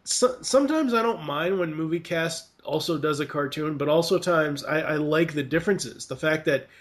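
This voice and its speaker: Brief: male podcast co-host, slightly higher voice, halting and stammering delivery. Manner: hesitant, stammers and restarts, fillers. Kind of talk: casual chat reviewing a cartoon series.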